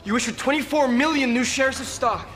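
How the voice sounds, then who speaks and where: An actor playing a betrayed young company co-founder in a film drama, furious and cutting. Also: male voice, very high-pitched, brisk, fairly bright tone. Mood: bitter fury. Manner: confrontational, cutting.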